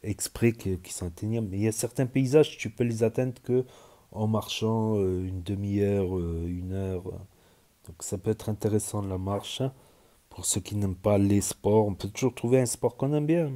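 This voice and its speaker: A man's voice: lowish voice, moderate pace, dark tone. A man with a southwestern French accent, rambling casually with frequent hesitations as he comments on social media stories. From southern France.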